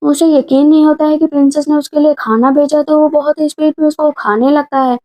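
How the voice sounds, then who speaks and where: A woman narrating a movie recap in a casual, brisk storytelling way, reading the characters' lines in her own voice. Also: high-pitched, flat delivery, warm tone, low-quality recording. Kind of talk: casual plot-retelling narration.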